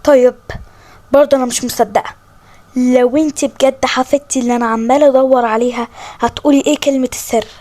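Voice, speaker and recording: A woman's voice: sits high, fairly even intonation, fast talker, darkish tone, close to an everyday voice. A woman voicing a stern, distrustful elderly queen in a toy-game story, in an Egyptian Arabic accent and a firm, lecturing manner.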